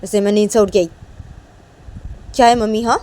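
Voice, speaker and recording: A woman's voice: medium pitch, moderate pace, darkish tone, slight background noise, pitched above the performer's own voice, close to an everyday voice. A woman voicing a defiant young woman who insistently repeats her warnings to her mother.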